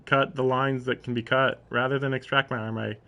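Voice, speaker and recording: A man streaming a visual novel live narrates it with exaggerated, mock drama and drops in sarcastic, sometimes profane side comments, combining commentary with dramatic read-aloud. He talks a little fast in a mid-range voice with little pitch movement. The background is noisy.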